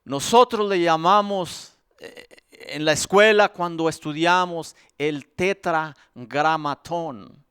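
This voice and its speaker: Pastor guy preaching slow and emphatic, highish voice, clean dry sound. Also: fairly bright tone, smooth, no echo. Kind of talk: sermon.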